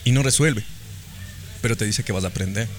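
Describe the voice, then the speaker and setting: Slangy Ecuadorian man speaking fast. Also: lowish voice, soft background music. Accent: Ecuadorian Spanish. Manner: slangy, peppers lines with "loco". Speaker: podcast co-host. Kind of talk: casual chat.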